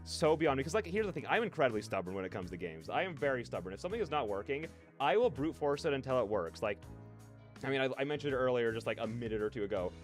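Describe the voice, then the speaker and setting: Soft music plays behind a male streamer who talks fast and very animatedly in a mid-range voice. He hosts a rambling, self-deprecating live stream on a close dry mic, responding to chat and reading game narration aloud.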